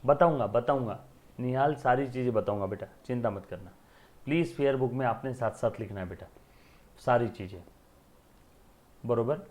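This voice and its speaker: Commerce teacher guy lecturing, keeps asking clear? and answering himself. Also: medium pitch, normal speed, long pauses, a little mellow. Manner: repeats questions and answers them himself, calls students beta. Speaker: accounting teacher. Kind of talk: classroom lecture.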